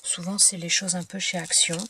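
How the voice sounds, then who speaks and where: A woman's voice: lowish voice, little pitch movement, moderate pace. A woman hosting a craft tutorial, talking casually with many fillers and restarts as she works. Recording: noticeable background noise with clicks. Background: noise and clicking sounds.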